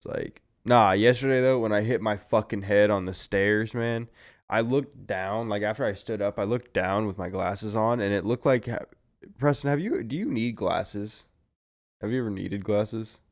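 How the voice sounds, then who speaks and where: A tired young man with a lowish voice co-hosts a podcast at a normal pace, yawning as he rambles through a laid-back casual chat full of swearing.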